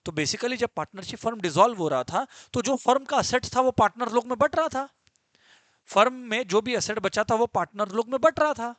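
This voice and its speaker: Brief: high-voiced male teacher, lively and quizzing, close dry mic, live class. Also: a little fast, no room sound. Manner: energetic, repeats points, quizzes students. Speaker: commerce teacher. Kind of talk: live online law lecture.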